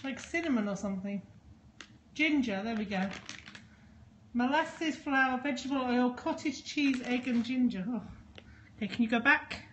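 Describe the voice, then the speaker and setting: A woman speaks at a normal speed with a fairly high pitch, pausing often, and there's a little hiss or hum in the recording. She's a dog owner unboxing a parcel at home, chatting to her dogs in a sing-song, coaxing voice.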